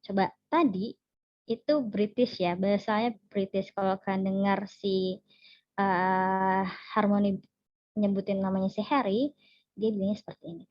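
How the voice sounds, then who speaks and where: In a dull, dry lo-fi recording with no room sound, a young Indonesian English teacher speaks at a moderate pace in a mid-range voice. She's friendly, laughs frequently and mixes English with Indonesian.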